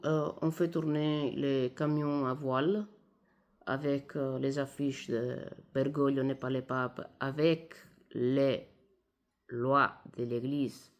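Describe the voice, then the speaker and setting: A woman from Italy, a native Italian speaker with an Italian accent in French, giving informal spoken commentary in a halting way as she searches for words. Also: deep voice, darkish tone. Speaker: video commentator.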